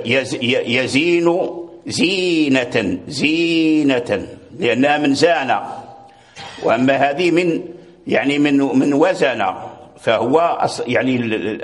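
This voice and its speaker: A man teaching a lesson on Quran recitation, patiently repeating words and phrases as he explains. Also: medium pitch. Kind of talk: religious lecture.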